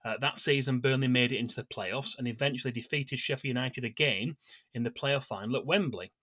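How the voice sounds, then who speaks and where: A man co-hosting a fan podcast, reading his notes in an even, measured way. His voice sits in a middle register and the sound is dry and close, with no room around it. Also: mid-range voice, no echo. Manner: measured, steady delivery of scripted match history with small hesitations. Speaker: podcast co-host.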